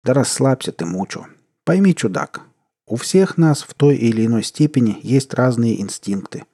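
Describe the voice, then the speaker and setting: Guy putting on a cold, matter-of-fact space captain, husky and dark. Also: medium pitch, normal speed. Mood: calm. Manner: calm, curt, matter-of-fact. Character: cool calculating male starship captain.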